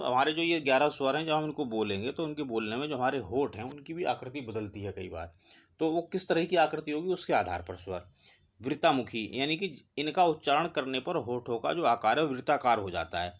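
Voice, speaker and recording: A man gives an exam-prep lesson in a patient, explanatory way. He keeps posing questions to his students and then answering them himself, at a medium pitch and an everyday speaking pace. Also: animated, normal speed. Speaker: teacher.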